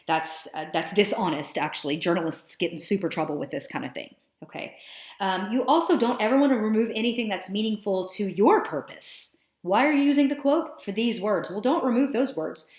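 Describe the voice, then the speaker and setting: A woman teacher explains her screencast in a relaxed, conversational way, stopping now and then on a filler. Her voice sits a little low. The recording has a noticeable roomy echo. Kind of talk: screencast lesson narration.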